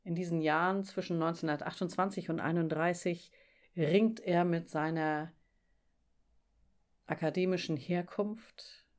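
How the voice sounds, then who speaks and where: A woman leading a church devotion with readings and reflection, speaking in a solemn, measured and deliberate way. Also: fairly low pitch, steady tone, darkish tone.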